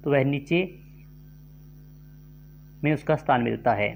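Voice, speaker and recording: A man teaching a grammar lesson for exam prep, reading out quiz questions and options, then explaining each answer slowly. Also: mid-range voice, vocal fry, a little mellow.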